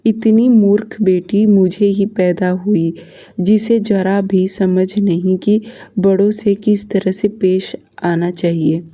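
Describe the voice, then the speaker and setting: Narrator doing a stern, scolding middle-aged mother; slow and mellow. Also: mid-range voice, fairly even intonation.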